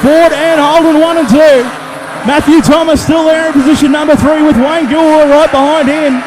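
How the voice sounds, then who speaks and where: An Australian man calling a race as a motorsport commentator, excited, colloquial and punchy. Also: extremely high pitch, moderate pace, noisy background. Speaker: speedway race commentator and trackside interviewer. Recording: loud race car engines behind the voice. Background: race cars, engines and tyre squeal.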